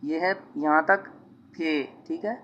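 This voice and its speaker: A man's voice: a little high, steady tone, takes it slowly, lo-fi sound, a little hiss or hum. A man teaching handwriting from slides, patiently sounding out letters and often checking in with "theek hai". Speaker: Urdu writing teacher. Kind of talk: slide-based handwriting lesson.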